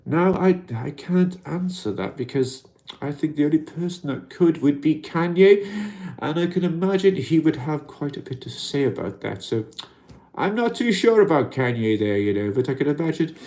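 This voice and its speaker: Dressed in an alien costume, a man from Wales hosts a casual livestream, reading out viewer comments. His voice is a little high and animated at normal speed, and he speaks gently and reflectively, leaning heavily on "you know."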